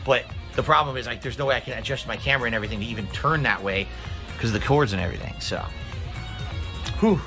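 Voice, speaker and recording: A man's voice: mid-range voice, fast talker, over music. A man talking bluntly and combatively as a streamer, in casual livestream talk. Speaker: video game streamer.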